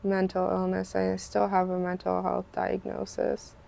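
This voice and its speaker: Quiet woman guest with a flat, gravelly voice. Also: mid-range voice, unhurried. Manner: quiet, plain-spoken, brief replies. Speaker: podcast guest. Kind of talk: casual interview chat.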